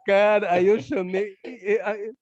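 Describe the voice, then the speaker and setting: A man telling a story casually in a rambling, animated way, with frequent tag questions. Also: sits high, unhurried, muffled recording, a crowd in the background. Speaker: study group participant.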